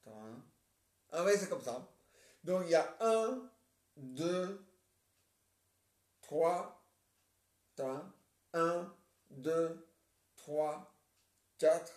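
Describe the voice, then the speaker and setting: Slow rambling man in an echoey room. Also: fairly high pitch, darkish tone. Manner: rambling, counts under his breath and mutters to himself; frequent fillers and throat-clearing. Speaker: vlogger. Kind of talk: casual solo monologue to camera. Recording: roomy echo.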